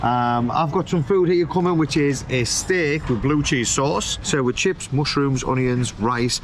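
A man in his thirties with a British accent reviews food casually to camera, speaking at medium pitch and an unhurried pace. As a vlog host he's chatty, slangy and emphatic, often repeating phrases for effect. Passing vehicles and street-side noise surround his open-air roadside restaurant terrace.

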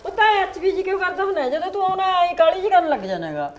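A woman's voice: very high-pitched, sing-song, racing, dull audio, over a noisy crowd. A woman playing a doting, scolding middle-aged village mother with an Indian Punjabi accent. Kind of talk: amateur village family drama.

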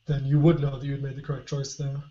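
A man co-hosting a casual puzzle podcast, halting with many fillers and restarts, his voice going a little hoarse. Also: mid-range voice, completely flat delivery, dark tone. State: losing his voice. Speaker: podcast co-host. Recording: dull lo-fi podcast audio.

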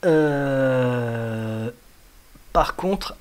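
A man's voice: medium pitch, extremely slow, darkish tone. A man giving a casual screen-share tutorial from his desk, thinking aloud with many fillers as he demonstrates live on his keyboard. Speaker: tutorial presenter.

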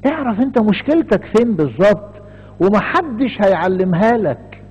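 A husky-voiced Egyptian priest delivers a sermon with a high, lively, rising and falling pitch. He moves from emphatic, pressing lines to soft pleading asides. The sound is dull and carries a long church echo. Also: moderate pace. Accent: Egyptian Arabic. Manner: impassioned, swings from emphatic rises to hushed pleading asides. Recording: dull, echoey church recording.

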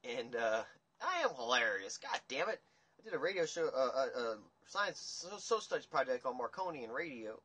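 A young man hosting a casual livestream chat, ranting in a rambling, profane, animated way. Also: medium pitch, fairly quick, slightly rough. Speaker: livestream host. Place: dim room indoors. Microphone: phone camera at table.

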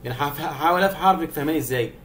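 A man's voice: fairly high pitch, racing, a bit bright, slight background noise. A young man with an Egyptian Arabic accent teaching a private online math lesson, coaxing his students and checking that they follow. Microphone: video call.

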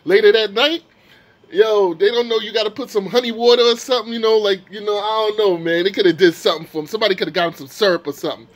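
Brief: male vlog host, high voice, loose street-slang storytelling, hyped up. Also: rapid-fire, few pauses. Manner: excited, slangy storytelling, swears a lot. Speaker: channel host recapping a rap battle. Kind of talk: casual vlog recap.

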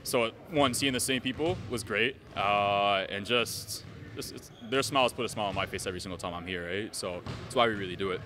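A young football player speaks sincerely in a low voice. Gym noise is clearly audible around him as he holds a handheld mic. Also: brisk.

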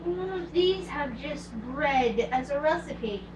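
A woman's voice: high voice, animated, slow, roomy sound, heavy background noise. A woman playing a bossy, prim young Englishman in an amateur cosplay comedy skit, giving orders in a dry way, filmed by a far camera in a home kitchen.

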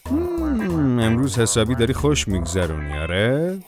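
Music runs beneath this narration of a children's cartoon, where a man with a mid-range, sing-song voice talks to the characters in a coaxing, playful tone.

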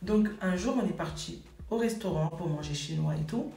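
A woman's voice: fairly low pitch, moderate pace, mellow, far from the mic. Chatty woman telling a story in an echoey room. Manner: chatty, many fillers and "et tout". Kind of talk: casual personal storytelling.

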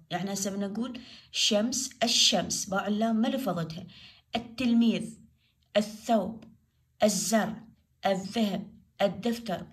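A woman teacher with an Iraqi Arabic accent, giving a grammar lesson to primary pupils. She goes slowly, repeats each example word and asks questions that she answers herself. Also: medium pitch.

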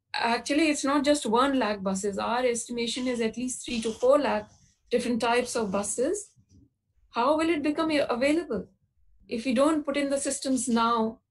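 A woman giving a webinar presentation over a video call, explaining in a measured way with frequent pauses and fillers. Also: a little high, poor audio. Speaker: panelist presenting slides.

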